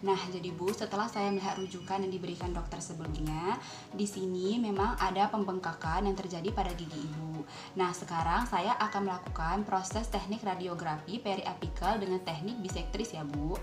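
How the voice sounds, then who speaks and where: In a voice on the low side, a young adult woman briskly demonstrates a clinical procedure as a dental student, step by step and politely. She includes role-played exchanges with a patient during the instructional demo. Echo from the room and music in the background mark the recording.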